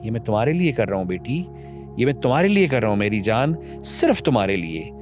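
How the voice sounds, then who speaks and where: A man's voice: lowish voice, sing-song, faint music behind. A man voicing a young father soothing his daughter as he prepares to sacrifice himself. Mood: desperate tenderness. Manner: soft, tender, breaking with tears. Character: young widowed father, tender and grieving.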